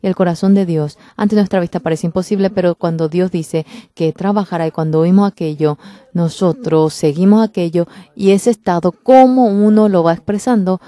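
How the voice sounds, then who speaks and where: A woman's voice: fairly low pitch, normal speed, dark tone, no room sound. A woman delivering a church sermon in a fervent, emphatic preaching manner. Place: church service.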